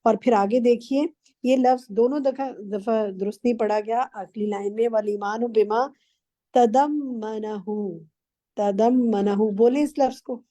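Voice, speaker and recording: A woman teaching an online class, patiently correcting students' recitation and drilling pronunciation slowly. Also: on the high side, steady tone, dark tone, no echo. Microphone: video call.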